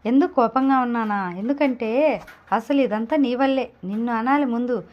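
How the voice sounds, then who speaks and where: A sharp, hot-tempered young woman in an audio story who snaps curt, scolding lines, as the narrator puts her on. The voice is fairly high, and the recording sounds muffled and lo-fi. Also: moderate pace, close to an everyday voice. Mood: angry. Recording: dull lo-fi recording.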